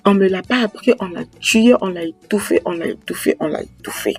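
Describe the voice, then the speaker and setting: A young host from the Republic of the Congo delivers an impassioned, brisk monologue on language and culture in a fairly high voice. He repeats phrases for weight, building intensity with emphatic delivery, while faint music plays underneath.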